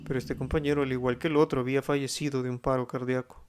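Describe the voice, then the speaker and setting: A man narrating a horror story as scripted narration, reading in a steady, even way. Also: medium pitch, very fast, clean tone. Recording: eerie ambience under the voice. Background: spooky ambience and effects.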